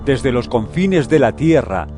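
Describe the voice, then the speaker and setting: A man playing Jesus as a solemn, deliberate teacher in a scripture audio drama. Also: mid-range voice, sing-song. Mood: solemn warning. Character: Jesus, solemn adult male teacher warning and instructing disciples.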